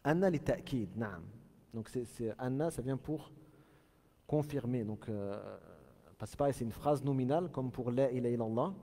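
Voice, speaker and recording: Man teaching with slow Arabic demonstrations. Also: medium pitch, dark tone, in a large hall. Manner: explains by repeating and demonstrating Arabic phrases slowly. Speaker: Islamic teacher. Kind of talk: religious lesson.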